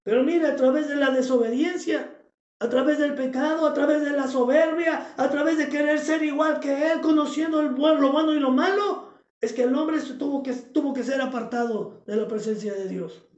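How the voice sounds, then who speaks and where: A male pastor, preaching a sermon with passion, shouting for emphasis and repeating his phrases. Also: very high-pitched, moderate pace, roomy sound, highs cut off.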